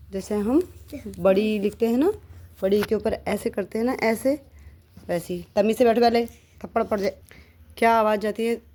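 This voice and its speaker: A woman teaching a child to read, strict and patient, saying each word slowly and clearly for the child to repeat. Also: medium pitch, mellow, a little hiss or hum. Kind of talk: patient one-on-one reading lesson.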